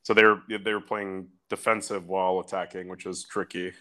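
A young man with a somewhat low voice reads figures aloud in a loose, halting way. He swears casually and stops to look things up as he goes. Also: flat delivery, pushed and bright. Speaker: podcast co-host. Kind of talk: casual chat.

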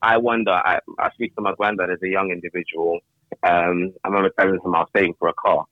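A man's voice: low-pitched, steady tone, fast, no echo, narrow, tinny audio. A young man chatting as a guest on a podcast, reflective and hesitant, often repeating words as he thinks. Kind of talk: casual podcast conversation.

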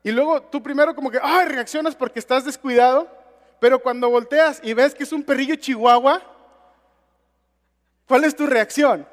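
A man preaching, his voice pitched strikingly high for a man. He tells a story in a casual, conversational way, speaking straight to his listeners. The sound rings out with the long reverb of a large hall. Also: moderate pace. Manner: conversational, addresses listeners directly. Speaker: pastor. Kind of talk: sermon storytelling.

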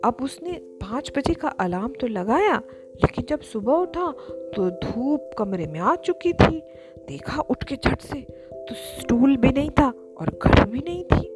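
Lively woman telling a children's story. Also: high-pitched, unhurried. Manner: lively, expressive, chatty asides. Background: background music.

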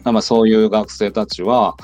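A man's voice: fairly low pitch, steady tone, moderate pace, darkish tone, faint music behind. A man who teaches Japanese in the United States, patiently explaining things in a casual online audio chat.

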